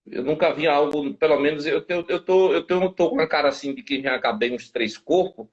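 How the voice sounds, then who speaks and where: A Brazilian pastor in his thirties tells stories during a casual live-stream chat, acting out the dialogue of the people he quotes. His voice is a little high and brisk, and the highs are cut off.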